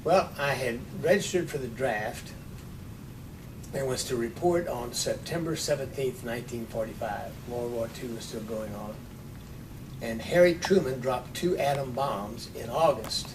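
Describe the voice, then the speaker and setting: An older man in his nineties recalls his life in an office interview, unhurried and dryly funny. He sits at a distance from the mic, and a steady low rumble runs under his voice. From Texas. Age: 90s. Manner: unhurried storytelling with dry humor. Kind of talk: oral history interview. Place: office with large windows.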